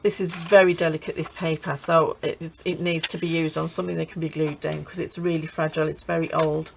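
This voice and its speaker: A woman's voice: low-pitched, flat delivery, a little fast, vocal fry, slight background noise, low-quality recording. A middle-aged woman chatting casually while crafting, laughing often and restarting her sentences. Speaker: craft channel host.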